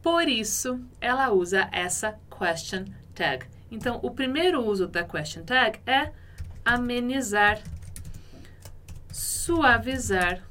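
A Brazilian woman with a Brazilian Portuguese accent explaining an English lesson, slowing down to model English phrases clearly. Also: on the high side, lively intonation, pushed and bright. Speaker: English teacher.

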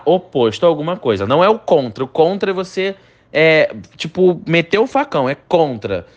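A man teaching an English lesson online, a native Portuguese speaker, lively and drilling each English word slowly for the learner to repeat. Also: fairly high pitch.

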